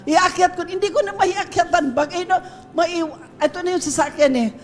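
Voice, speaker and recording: A woman giving a lively, laughing testimony in a church service, mixing English into her Tagalog. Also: very high-pitched, normal speed. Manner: animated storyteller, laughs often, mixes English into Tagalog. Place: church sanctuary. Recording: long reverb of a church hall.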